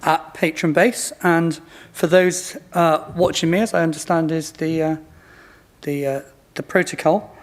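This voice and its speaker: A man's voice: a little high, fairly even intonation, unhurried. A man in his late fifties with a modern British RP accent, giving an informal product presentation in a self-deprecating manner. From Bristol, England. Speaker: company representative presenting.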